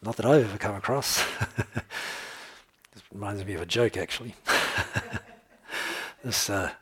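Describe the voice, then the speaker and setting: Male pastor, low husky voice, relaxed conversational preaching with humor. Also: unhurried. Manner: conversational, tells jokes and laughs, checks in with "okay?". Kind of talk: sermon.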